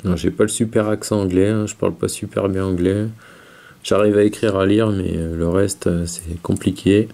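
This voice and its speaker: A man's voice: low voice, steady tone, moderate pace, creaky, mellow. A man talking casually to camera as a video reviewer, hesitant with many fillers. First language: French. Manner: hesitant, many fillers, talks while vaping. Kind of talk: casual chat.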